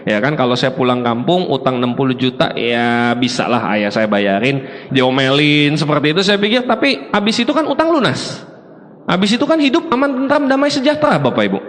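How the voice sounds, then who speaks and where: Lively, high-voiced male seminar speaker. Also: a little fast. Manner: animated, joking storyteller addressing the audience. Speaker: motivational speaker. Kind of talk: motivational seminar talk. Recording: long hall reverb.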